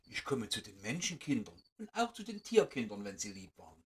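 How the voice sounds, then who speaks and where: A man voicing a kind, gentle fairy who speaks softly and calmly, recorded from a distance. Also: fairly quick. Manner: soft, low and calm. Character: kind gentle fairy woman, soothing and patient.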